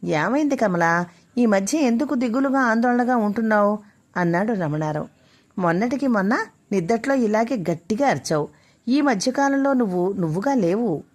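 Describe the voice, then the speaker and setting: A woman voicing a gentle middle-aged father and husband who speaks in a soothing, patient way. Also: on the high side, expressive, moderate pace.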